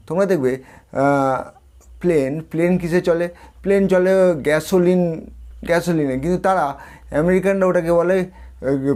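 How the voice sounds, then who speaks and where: A male tutor from India gives a spoken lesson in a slightly high voice. He states each term, repeats it, and puts questions to the listener. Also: darkish tone. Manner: explains each term, then repeats it and quizzes the viewer. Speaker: English tutor.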